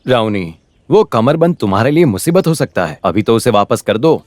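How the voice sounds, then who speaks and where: An actor dubbing a moralizing village schoolmaster in a film. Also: male voice, mid-range voice, sing-song, normal speed, darkish tone, no echo, clean studio sound, lightly acted. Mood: lecturing. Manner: lecturing, moralizing. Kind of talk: dubbed film dialogue.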